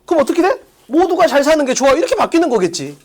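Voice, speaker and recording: An English exam-prep teacher giving an online lecture, coaching students with quick rhetorical questions in a casual, plain classroom way. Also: high-pitched, big pitch swings.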